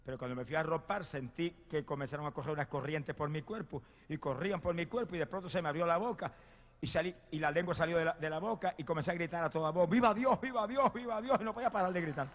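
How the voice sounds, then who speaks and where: A man preaching a sermon and telling his own testimony, fervent, swinging from loud exclamations to hushed storytelling. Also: fairly high pitch, fairly even intonation, quick pace. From Puerto Rico. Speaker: evangelist preacher. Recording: long hall reverb.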